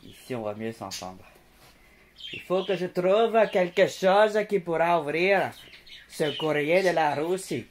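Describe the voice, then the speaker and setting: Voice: mid-range voice, animated, unhurried. A Québécois vlogger chatting casually while working at home, joking, rambling and laughing often, with pet birds squawking in the background. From Quebec. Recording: noisy home recording with bird squawks.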